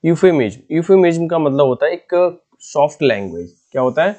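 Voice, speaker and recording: In a relaxed exam-prep lesson in casual Hindi, a man patiently goes through exam vocabulary word by word, repeatedly checking in with his students. His voice is a little high and mellow, with lively intonation and a brisk pace.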